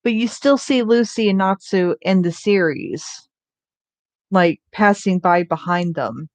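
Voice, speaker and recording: Young woman, slow rambling chat, lowish voice, dry close sound, frequent ums. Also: darkish tone, no room sound. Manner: rambling with many ums and restarts, casual swearing. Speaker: vlogger. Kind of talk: rambling casual chat about shows.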